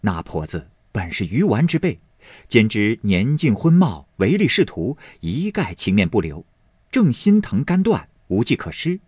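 A man reading a classic novel aloud as an expressive, animated storyteller. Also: on the low side, a little slow, breathy edge, no room sound, clean studio sound. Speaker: audiobook reader.

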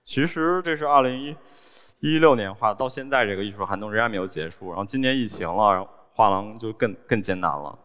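A man telling wry, deadpan stories from a stage in a large hall. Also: lowish voice, brisk. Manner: wry, deadpan storytelling with small laughs. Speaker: cartoonist giving a stage talk. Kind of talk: storytelling talk on stage. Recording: long hall reverb from stage.

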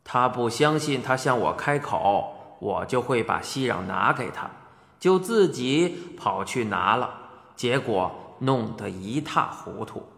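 A storyteller voicing a frank, genial male sky emperor god in an audiobook, with a deep, gravelly drawl. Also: expressive, slow, fairly bright tone, full character voice. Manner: frank and easygoing. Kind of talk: audiobook character voice. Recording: echoey hall reverb.

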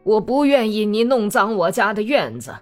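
A woman gives voice to a stern old man in his later years, firm and measured, his words lively in pitch. The storybook reading has faint music behind it.

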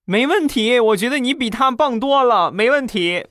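A man's voice: extremely high pitch, expressive, moderate pace, very noisy, pitched above the performer's own voice. A man voicing a married woman neighbor in a comedy story, speaking in a raised, eager voice.

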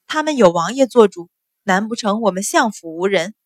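A woman's voice: mid-range voice, expressive, moderate pace, no echo, clean studio sound, lightly acted. A woman reading an audiobook novel, voicing a haughty, scheming middle-aged stepmother of a noble house who speaks sharply and indignantly.

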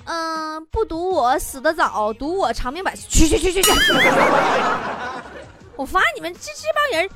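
A woman reads out listener messages and fires back teasing one-liners. Her voice sits high and leaps wildly up and down. Music plays steadily behind her. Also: big pitch swings. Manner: teasing, quick wisecracks with frequent laughter. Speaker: podcast host. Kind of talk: comic reading of listener messages.

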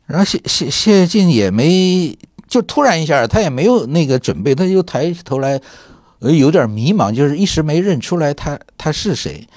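Animated middle-aged man telling anecdotes. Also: a little high, moderate pace, no echo, studio quality. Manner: lively, acts out quoted voices; colloquial, many fillers and tag questions. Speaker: film professor, guest. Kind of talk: anecdotal storytelling.

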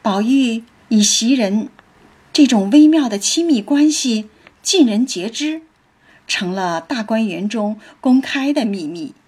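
Slow, breathy woman storyteller. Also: fairly high pitch, lively intonation, darkish tone. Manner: slow, reflective. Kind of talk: storytelling with commentary.

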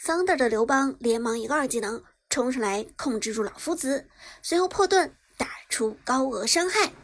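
A woman narrating a web novel chapter in brisk storytelling style, lifting her voice on the action. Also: high-pitched, expressive. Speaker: audiobook narrator. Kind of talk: scripted narration.

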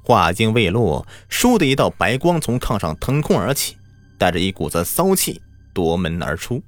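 A man telling a spoken folk tale, narrating in an expressive, dramatic way. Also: fairly low pitch, moderate pace, dry recording, faint music behind. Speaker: storyteller.

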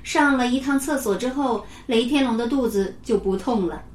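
High-voiced woman reading a children's story. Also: normal speed, recorded from a distance. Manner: lively, expressive reading. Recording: roomy, from off the mic.

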